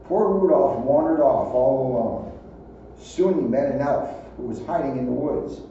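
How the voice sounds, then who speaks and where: In a warm, medium-pitched voice at normal speed, a policeman reads a kids' storybook out loud and adds offhand comments along the way. The sound is distant and muffled, with strong echo and faint background noise.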